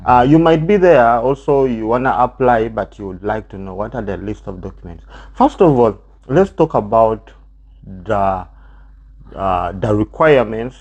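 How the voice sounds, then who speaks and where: A man leads a relaxed talk as co-host, dropping "uh" fillers and throwing questions to his partner. His voice sits somewhat low and sounds dull and lo-fi. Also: moderate pace. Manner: chatty, frequent "uh" fillers, prompts his partner. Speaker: channel co-host. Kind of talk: casual chat about visa steps.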